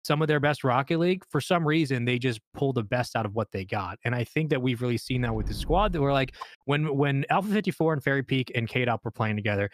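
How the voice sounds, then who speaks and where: A man on an esports panel making his case in an animated, rapid-fire way. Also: mid-range voice, no room sound. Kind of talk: casual panel discussion.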